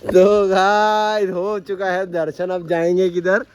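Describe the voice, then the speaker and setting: The recording has a lo-fi sound, and the man's high-pitched voice barely moves in pitch as he takes his time. He hosts a casual family vlog at temples and outdoors, chatty and repeatedly addressing his viewers as "guys."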